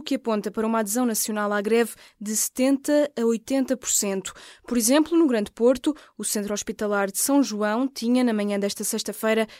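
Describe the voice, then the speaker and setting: A woman with a European Portuguese accent reading a scripted news bulletin in a crisp, measured newsreader delivery. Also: a little high, darkish tone, dry recording, studio quality. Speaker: news presenter.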